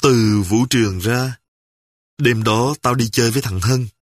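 A man voicing a hot-tempered street thug who shouts accusations. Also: mid-range voice, a little slow, no echo, clean studio sound, close to an everyday voice. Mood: angry. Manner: angry, shouting.

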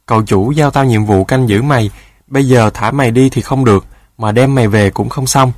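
Storybook dog, gruff guard with a soft heart, played by a man. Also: mid-range voice, a little fast, no room sound, clean studio sound, close to an everyday voice. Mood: scolding. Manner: gruff and bossy.

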